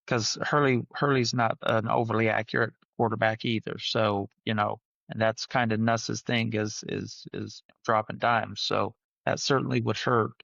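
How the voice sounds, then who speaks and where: A man's voice: lowish voice, little pitch movement, moderate pace, vocal fry, few pauses, a bit bright, no room sound. A middle-aged man on a video call, chatting casually about sports; his choppy internet call audio fades in and out, and he often repeats words as he starts a sentence. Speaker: sports podcast co-host. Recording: dull, dry online call audio.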